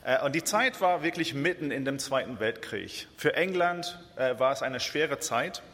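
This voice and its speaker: A man from Israel preaching a sermon in German, earnest, with hesitations and slow repeated phrases for emphasis. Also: medium pitch, expressive, a bit bright. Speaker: guest preacher. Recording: reverberant church hall.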